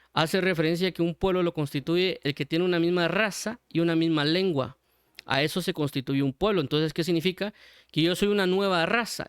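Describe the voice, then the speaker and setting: A Guatemalan man with a Guatemalan Spanish accent gives a sermon, explaining his points patiently and circling back to repeat them. His voice is smooth and resonant, sitting a little high for a man. The recording is dry and close, with no room sound. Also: no room sound. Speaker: Bible teacher.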